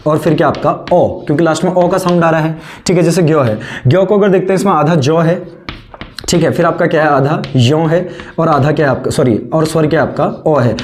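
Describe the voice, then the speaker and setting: A teacher giving an online grammar lesson who keeps asking the class questions, answers them itself, and slowly repeats sentences so students can copy them down. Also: medium pitch, a little mellow, slight background noise. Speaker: Hindi teacher.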